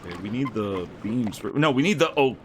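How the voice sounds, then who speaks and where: A man streaming live, commenting animatedly on an educational game, laughing and shouting at characters. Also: mid-range voice, expressive, brisk, a little hiss or hum, rough recording.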